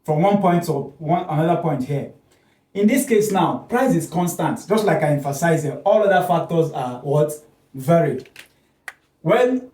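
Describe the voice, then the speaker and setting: In an echoey classroom, a distant man with a fairly high, somewhat mellow voice lectures on economics at the board. Frequently he asks and answers his own questions, punctuated by "okay?"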